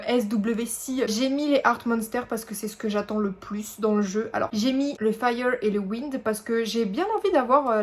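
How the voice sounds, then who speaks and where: Young woman talking thru her game pulls, kinda high voice, rambly and chatty. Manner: chatty, rambling, lots of fillers and self-corrections. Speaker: gaming YouTuber. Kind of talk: casual gameplay commentary.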